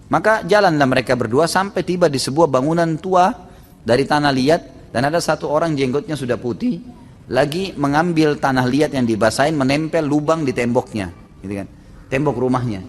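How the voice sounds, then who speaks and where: A man's voice: fairly high pitch, brisk, slight background noise. A male preacher telling a religious story in a casual style, often ending phrases with tag fillers. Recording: reverberant hall.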